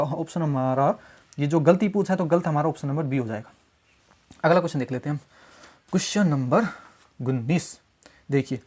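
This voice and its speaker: A slightly high, darkish-toned male voice teaches reasoning for exams, solving mock test questions step by step. He coaxes and repeats himself, asking "samjhe?" again and again to check that students keep up.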